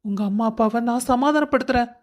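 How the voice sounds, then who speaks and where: A woman voicing a young, busy husband who coaxes and gently scolds his wife. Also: on the high side, fast, close to an everyday voice. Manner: coaxing, affectionate scolding.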